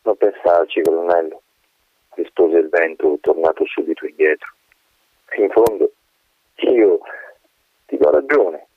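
A man's voice: sits low, measured pace, creaky, pauses often, dry recording, exaggerated voice. A man voicing the wind, a loyal old male spirit, in a radio drama reading, speaking in a pleading, tender and insistent way. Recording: tinny phone-like radio sound.

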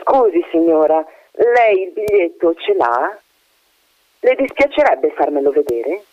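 A man's voice: high voice, very animated, unhurried, no room sound. A man doing a cold, prying society lady. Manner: cold, prying, falsely sweet. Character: stern fiftyish lady charity patroness. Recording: dull dry recording.

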